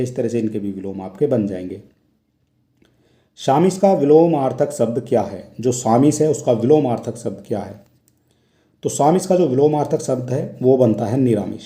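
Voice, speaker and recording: Male Hindi tutor, very dark mellow voice, roomy echo, patient step-by-step exam walkthrough. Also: medium pitch. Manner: explains step by step, repeats each question aloud. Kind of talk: exam question walkthrough lesson. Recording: echoey room.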